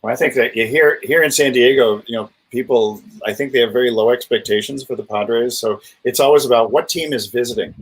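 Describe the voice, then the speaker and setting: A man from Western New York with a softened accent, telling jokey stories in a casual video call chat. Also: mid-range voice, a little fast, hardly any pauses, husky, poor audio. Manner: storytelling, jokey. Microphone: video call microphone.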